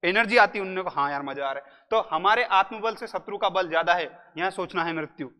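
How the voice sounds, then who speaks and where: High-voiced male teacher, jokey. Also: pushed and bright. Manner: chatty, jokey, addresses students as brother. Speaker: Hindi grammar teacher. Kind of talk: casual exam-prep lecture. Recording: muffled lo-fi audio in a reverberant room.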